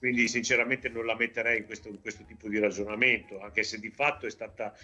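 Husky Italian coach, bright lo-fi sound. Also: male voice, fairly low pitch, flat delivery. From Veneto, Italy. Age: 50s. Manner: measured, hesitant with many fillers and restarts. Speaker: football coach, guest. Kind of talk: interview.

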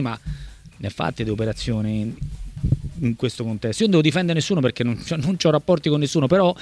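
A man co-hosting a football talk show in a studio, debating in an emphatic, argumentative way. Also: on the high side. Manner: emphatic, argumentative, rising when he presses a point. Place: studio with a control room.

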